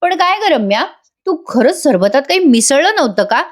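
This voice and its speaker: Brief: fretful, exclaiming older mother, high and lively, read out by a woman reviewer. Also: normal speed. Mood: suspicious. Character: scheming older mother, dramatic and fussy.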